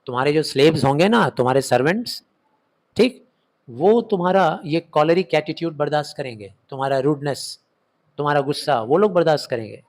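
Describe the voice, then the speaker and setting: A man's voice: on the high side, expressive, a little fast. A man with an Indian English accent, an English literature teacher reading a play aloud and explaining it line by line, emphatic and fond of rhetorical questions.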